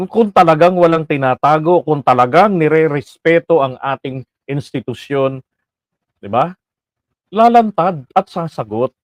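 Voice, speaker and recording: A man's voice: fairly high pitch, no echo. A man with a Filipino accent doing casual political commentary on a livestream, chatty and rhetorical, often laughing and slipping into English phrases.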